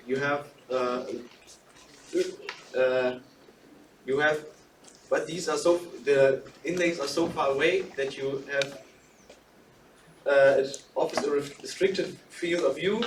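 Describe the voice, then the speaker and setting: A young man presenting a student project, often restarting as he searches for words. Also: on the high side. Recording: echoey room, distant mic, noise.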